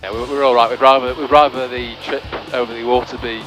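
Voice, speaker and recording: Man, pilot, cockpit intercom, casual checks and chat, medium pitch, music behind. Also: little pitch movement, quick pace. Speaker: pilot flying. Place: small aircraft cockpit in flight. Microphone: cockpit intercom headset.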